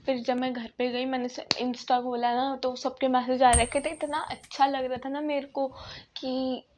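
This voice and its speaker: A young adult woman telling a casual storytime, blunt and slangy in an animated way. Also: high-pitched, measured pace. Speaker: vlogger. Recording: clear background noise.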